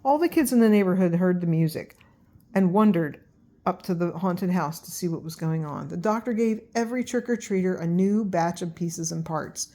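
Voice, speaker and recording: An older woman narrates a children's storybook. Her voice sits slightly low for a woman, and she reads aloud as a grandmother would to children. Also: normal speed, warm tone.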